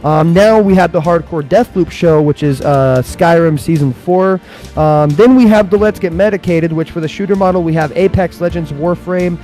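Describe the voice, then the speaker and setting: Man, mellow tone, says w for r, casual gaming streamer, conversational and rambling, faint music behind. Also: fairly high pitch, normal speed. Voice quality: trouble pronouncing R sounds, says w for r. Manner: rambling and conversational, often checks in with "right?". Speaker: streamer and host of a gaming channel. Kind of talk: casual channel update to viewers.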